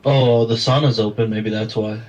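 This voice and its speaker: A man's voice: lowish voice, steady tone, normal speed, a little mellow, distant mic, lo-fi sound, a little hiss or hum. A man on a voice chat whose voice echoes as if he were in a tunnel, talking bluntly in casual conversation. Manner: blunt, presses his point. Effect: echoing, as if in a tunnel. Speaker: friend on voice chat.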